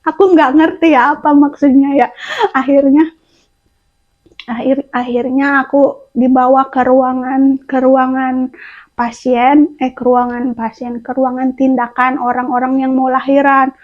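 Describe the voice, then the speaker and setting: A woman's voice: sits high, flat delivery, measured pace. A woman vlogger telling a personal story to her viewers in a chatty way, often repeating her own phrases. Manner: chatty, repeats "aku bilang gitu" often. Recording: tinny phone-like sound.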